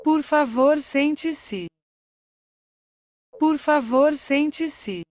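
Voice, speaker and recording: A woman's voice: high-pitched, drawn-out words, a little mellow, no room sound. A woman reading short phrases for a language lesson, saying each one twice with careful pronunciation. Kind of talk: slow repeated phrase reading.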